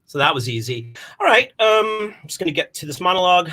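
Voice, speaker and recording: Fast, high and sing-song, his bright voice carries a forceful tone. The man is doing a comedic monologue to camera in an online showcase, rambling, flustered and full of apologies and self-mockery. He performs theatrically, breaking into sudden exclamations.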